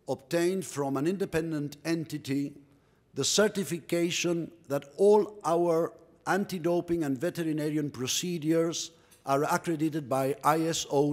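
Standing at a podium in an indoor press room, a middle-aged Uruguayan executive gives a formal welcome speech in a somewhat high, darkish voice. His manner is earnest and proud, and he repeats words while hunting for the right phrasing. Captured on the podium microphone, his voice trails off with a long reverb tail.

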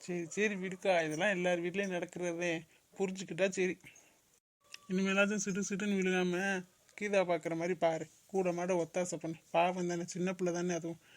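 A calm, advising older brother and father, voiced by a man in a home-made cartoon. His voice sits high and stays on one steady note as he soothes. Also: moderate pace, close to an everyday voice. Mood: soothing.

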